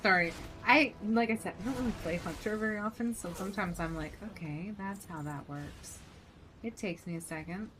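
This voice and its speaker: A woman game streamer chats casually and thinks aloud while she plays, her mid-range voice moving quickly with few pauses. She swings between muttering and exclaiming, and music plays behind her in a noisy background.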